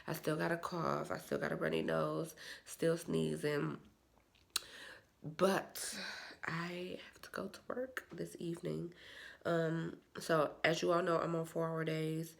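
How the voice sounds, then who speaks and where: A woman who is both a vlogger and a soldier chats casually on camera, rambling and using slang. Her voice sits low with vocal fry, and a cold leaves her sounding nasal and stuffy.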